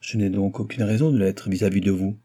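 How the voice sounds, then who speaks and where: A man's voice: on the low side, steady tone, a little fast, warm tone, breathy edge. A man putting on a cool, scheming young woman. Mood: bargaining. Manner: cool, bargaining.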